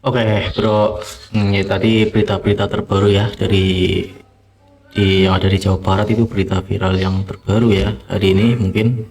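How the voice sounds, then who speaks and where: Man, casual host chat, deep flat voice, gravelly. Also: normal speed.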